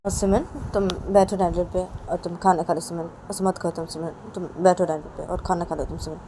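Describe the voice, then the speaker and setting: A woman's voice: on the low side, little pitch movement, fast talker, a little hiss or hum, natural voice. A woman voicing a young woman who keeps pleading with her father and her partner. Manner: pleading, repetitive, soft then insistent.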